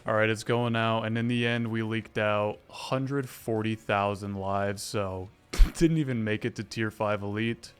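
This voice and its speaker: A man giving casual, excitable gameplay commentary, using slang and mild swearing and breaking into loud yelps at close calls. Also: lowish voice, measured pace, clear, resonant tone, faint music behind. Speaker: gaming YouTuber.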